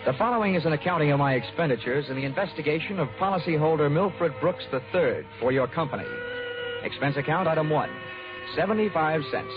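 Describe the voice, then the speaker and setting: In an old-time radio detective drama, a male actor with a natural, fairly high voice plays a cocky, wisecracking American insurance investigator. His delivery is quick, dry, wry and punchy, heard over music on a dull vintage radio recording.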